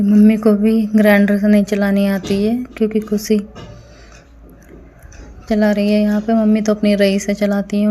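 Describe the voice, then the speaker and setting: A woman's voice: medium pitch, warm tone. A woman narrating a casual family vlog at home, chatting to viewers as friends while feeling unwell. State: unwell, tired. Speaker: family vlogger.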